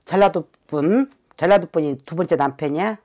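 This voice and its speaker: A Korean woman from Suncheon, South Jeolla, works as a fortune teller and speaks at normal speed in a low, mellow voice. Giving an emphatic, blunt reading, she swears here and there and repeatedly presses for agreement by asking "right?"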